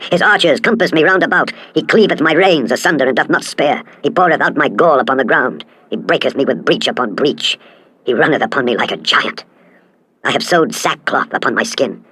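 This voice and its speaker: A man's voice: medium pitch, a bit bright, breathy edge, no room sound, poor audio. A man giving a scripted, dramatic reading of scripture in a solemn, declamatory manner. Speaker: scripture reader.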